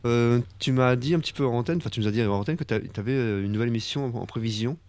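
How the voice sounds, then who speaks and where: A man co-hosting a radio show, teasing his colleague with quick interjections in casual chat. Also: mid-range voice, a little mellow, slight background noise. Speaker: radio co-host.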